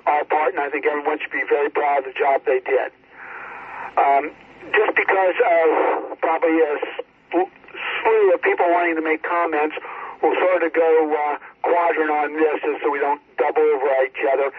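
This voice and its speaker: A man running an amateur radio net as net control operator, heard over a static-laden radio channel as he reads back call signs and calls for check-ins. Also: on the high side. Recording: tinny radio transmission with crowd noise.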